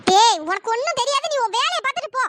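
A performer voicing a sharp-tongued, furious middle-aged mother in a cartoon, scolding and shouting. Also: very high voice, expressive, very fast, no echo, clean studio sound. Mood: angry scolding. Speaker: angry aunt. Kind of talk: pitched-up cartoon voice acting.

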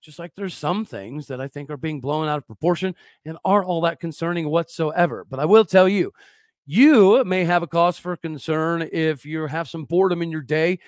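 A man's voice: on the high side, moderate pace, no echo, clean studio sound. A man hosting a sports podcast, opinionated and emphatic. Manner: emphatic, fired-up, with frequent restarts. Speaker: podcast host.

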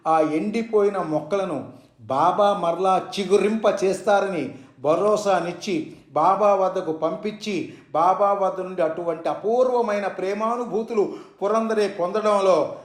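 A man narrating a devotional life story in a reverent, measured storytelling manner. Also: high-pitched. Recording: echoey room.

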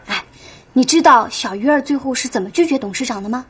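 Gossipy office colleague, husky voice, scolding and chatty. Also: female voice, high voice, animated, fast. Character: sharp-tongued, gossipy young office woman. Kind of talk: TV drama acting.

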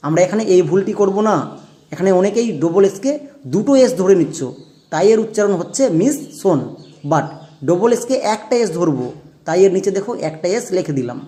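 A man's voice: high voice, expressive, fairly quick, mellow. A man teaching English pronunciation in a classroom-style lesson, spelling out words letter by letter and asking his viewers questions as he explains.

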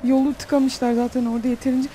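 A young woman plays a horror game on facecam, recorded on a desk mic with slight background noise. Her voice is high-pitched, fast and dark-toned with a flat delivery. In this let's play commentary she is jumpy, talks to herself and shrieks whenever she gets scared.

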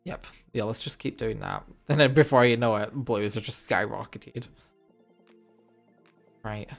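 A man's voice: fairly low pitch, a little slow, vocal fry, soft background music. A man streaming a game live, chatting casually with his viewers and reading their messages. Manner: chatty, reacting to chat and wrapping up with thanks.

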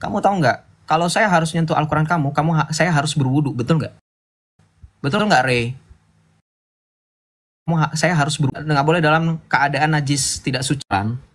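A man's voice: fairly high pitch, moderate pace, pauses often. A man hosting a casual livestream, chatty and lecturing, often asking his listeners to agree. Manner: chatty, lecturing, asks "betul nggak?" often. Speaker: livestream host.

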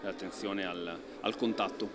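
A man in his thirties, an archery club president, giving an interview in an indoor archery hall, talking with many fillers and pauses. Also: deep voice, fairly even intonation, noisy background. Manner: thoughtful, halting, many fillers. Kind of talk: on-camera interview.

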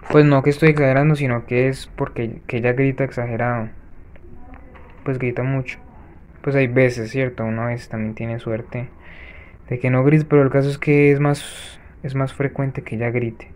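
A man hosting a let's-play, chatting to viewers as he plays and breaking off with quick gasping reactions. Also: mid-range voice, level tone, a little mellow. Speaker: gaming channel host. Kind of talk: let's-play gameplay commentary.

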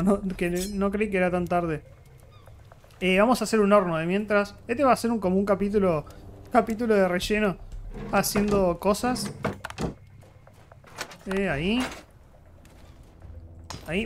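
A man with a Rioplatense Spanish accent, chatty let's-play commentary as he thinks aloud through crafting and fights. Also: high voice. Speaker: gaming YouTuber.

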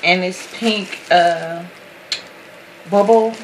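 Slow, gushing woman showing a craft box. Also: on the low side, a little hiss or hum, poor audio. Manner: gushing, apologetic, often addressing viewers as guys. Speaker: craft vlogger. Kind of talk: casual unboxing chat.

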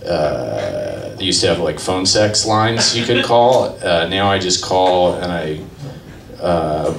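A man's voice: deep voice, very animated, takes it slowly, creaky, fairly bright tone, a little hiss or hum. A man in his thirties doing rambling, self-deprecating stand-up at an open mic in a small gallery cafe, speaking into a stand mic. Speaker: stand-up comedian. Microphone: handheld mic on stand, far camera. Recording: roomy, from far off.

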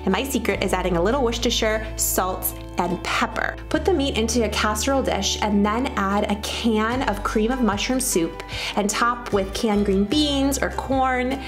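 Loud background music plays under this voice-over by a cooking channel host, a woman from the Midwest in her thirties. She talks through the recipe in a cheerful, chatty way, her mid-range voice keeping a moderate pace.

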